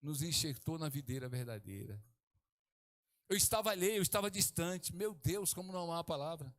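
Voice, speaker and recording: Fervent pastor preaching. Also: male voice, fairly quick. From Brazil. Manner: fervent preaching, pitch swings between hushed and exclaiming. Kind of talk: sermon.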